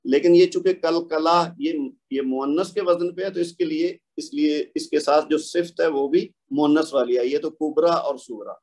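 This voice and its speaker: A man with a slightly high voice teaches a recitation lesson. He explains each rule patiently, asks a question and answers it himself, and sounds out examples slowly. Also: a little mellow. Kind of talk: tajweed lesson, explaining and modeling pronunciation.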